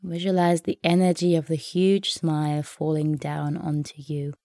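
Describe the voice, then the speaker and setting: A woman guiding a meditation in a soft, soothing, unhurried way, leaving long pauses between phrases. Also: low-pitched, flat delivery, dry recording, clean studio sound. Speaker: meditation guide. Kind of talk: guided meditation narration.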